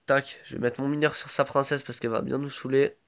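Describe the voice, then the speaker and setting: A man's voice: medium pitch, level tone, brisk, creaky, dull audio. A man with a sore throat giving casual live commentary on his own game, chatty and full of gamer slang.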